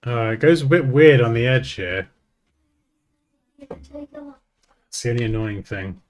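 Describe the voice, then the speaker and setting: A man teaching design software, thinking aloud in a casual, joking way as he works. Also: medium pitch, huge pitch swings, takes it slowly. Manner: chatty, thinks aloud, jokes at himself. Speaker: design tutor. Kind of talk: casual screen-recorded software tutorial.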